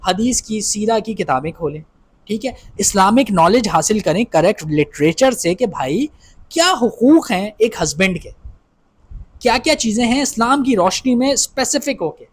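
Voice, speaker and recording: A man's voice: high voice, lively intonation, slightly rough. Man giving marriage advice, checking in often. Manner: mixes English phrases into his speech; keeps checking in with "right?". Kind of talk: instructive talk addressed to wives.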